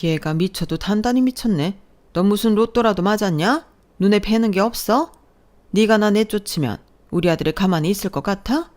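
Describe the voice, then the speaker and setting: A woman's voice: mid-range voice, moderate pace, a little mellow, voice pushed up, natural voice. A woman voicing a domineering, scornful mother-in-law who scolds and belittles in a story reading. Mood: enraged. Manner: contemptuous, scolding.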